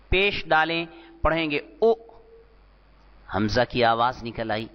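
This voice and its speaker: A man teaches Arabic terms in a slow, deliberate lecture and repeats each term for his students. His voice sits a little high. The recording is dull and lo-fi, and it has a long reverb like a large hall.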